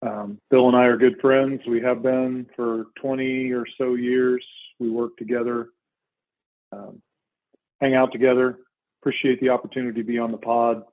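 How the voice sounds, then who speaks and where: A man's voice: medium pitch, level tone, moderate pace. An American man in his fifties chatting casually as a podcast guest, polite and self-effacing. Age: 50s. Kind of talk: casual chat. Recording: slightly dull, lo-fi sound.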